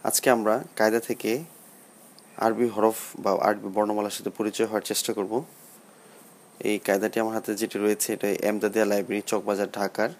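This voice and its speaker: A man teaching the Arabic alphabet, sounding out each letter deliberately and stressing some letters loudly. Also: fairly low pitch, little pitch movement. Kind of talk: slow recited lesson.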